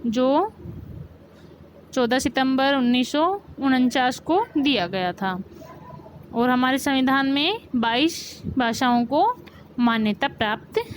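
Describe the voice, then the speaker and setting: High-voiced Hindi teacher woman lecturing. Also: a little hiss or hum, rough recording. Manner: explains with questions to students, repeats key points. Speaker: school teacher. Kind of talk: classroom grammar lesson.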